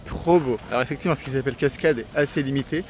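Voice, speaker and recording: A man's voice: medium pitch, very fast. A French man chatting enthusiastically while walking and filming himself outdoors in a city, mocking himself and using many fillers. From France. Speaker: travel vlogger. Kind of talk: casual walking vlog. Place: outdoors in a city, street and seafront. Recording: outdoor street noise. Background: city traffic and wind.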